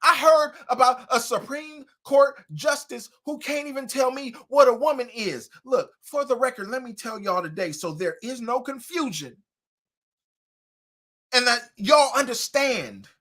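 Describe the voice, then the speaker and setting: A man hosting a livestream commentary, mocking and preachy, with loud swings in volume. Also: extremely high pitch, expressive, a little slow. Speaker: commentary host.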